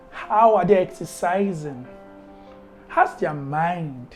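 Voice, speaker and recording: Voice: medium pitch, warm tone. A podcast host giving faith-based marriage advice, emphatic, repeating key words and firing off strings of rhetorical questions.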